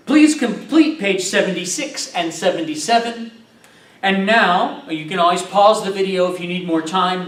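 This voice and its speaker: A man teaching a recorded vocabulary lesson, slowly pronouncing each word before reading example sentences aloud. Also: a little high, a bit bright, far from the mic. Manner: slow, careful pronunciation of each word, then reads example sentences aloud. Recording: roomy echo, voice a bit off-mic.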